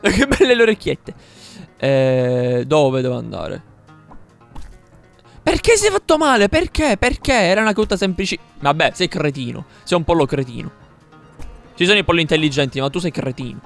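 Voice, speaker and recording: A young man commentates his own gameplay in an excitable, high-pitched voice that swings wildly up and down. He repeats words in rapid bursts and swears at mishaps. Game music plays faintly behind him. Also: creaky. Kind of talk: live let's-play commentary.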